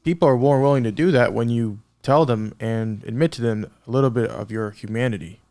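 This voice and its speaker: A man's voice: mid-range voice, fairly quick, darkish tone, no echo. A man hosting a podcast, thinking aloud in a reflective, casual way with fillers. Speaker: podcast host. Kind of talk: casual interview chat.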